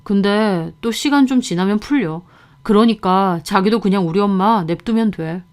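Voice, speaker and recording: A woman's voice: mid-range voice, normal speed, darkish tone, natural voice. A woman voicing an evasive young husband who talks in a mild, placating way.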